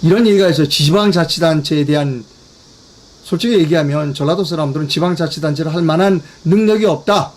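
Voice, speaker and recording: A man's voice: a little high, a little fast. A man hosting a political commentary broadcast in Korean, talking emphatically, repeating key phrases and addressing his viewers directly. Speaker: commentary channel host.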